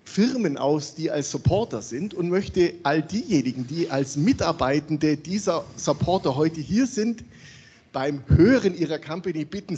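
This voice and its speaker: A man's voice: on the high side, highs cut off, slight background noise. A man hosting a conference opening, speaking into a handheld microphone in a large hall and calling out supporters to the audience. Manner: animated, calling out names to the audience. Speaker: conference host.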